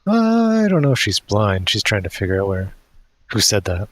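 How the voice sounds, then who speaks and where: A man's voice: fairly low pitch, huge pitch swings, moderate pace, a little hiss or hum, poor audio. A man narrating as dungeon master in a tabletop game, hesitant with many restarts.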